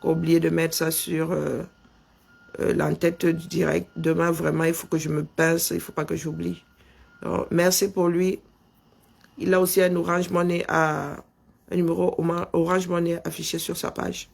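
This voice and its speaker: A man's voice: fairly high pitch, flat delivery, normal speed, vocal fry. A middle-aged man with a Cameroonian French accent hosting a political live stream, pressing his point with rhetorical questions and calling out punctuation as he speaks. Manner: insistent, rhetorical questions, dictates punctuation aloud.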